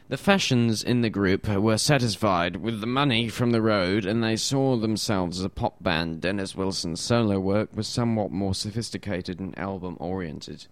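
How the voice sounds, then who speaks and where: A man's voice: lowish voice, no room sound. A man presenting music on radio, reading notes casually with self-deprecating asides and stumbles over names.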